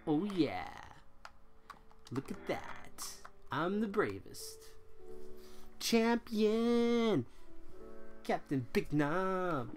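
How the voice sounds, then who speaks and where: Low-voiced woman taunting game enemies. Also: very animated, very slow, pauses often, darkish tone. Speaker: gamer. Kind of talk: let's play commentary. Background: game music.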